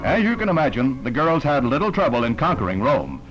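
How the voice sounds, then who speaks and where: Styled like a 1960s newsreel, this scripted narration comes from an American man with a mid-range voice, very animated and fairly quick. The highs are cut off, as on band-limited vintage newsreel film, and loud music plays beneath him.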